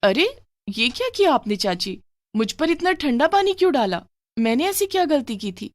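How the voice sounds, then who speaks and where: Woman plays a bratty, whiny teen sister in a cartoon; high and pleading. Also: measured pace, darkish tone, dry recording. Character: whiny quarrelsome teenage girl Rita.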